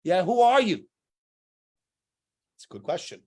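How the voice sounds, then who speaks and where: A man's voice: high-pitched, animated, unhurried, a little mellow. A man teaching the weekly Torah portion to a small group, conversational and full of rhetorical questions. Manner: conversational, rhetorical questions, acts out quoted exchanges. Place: synagogue room with listeners.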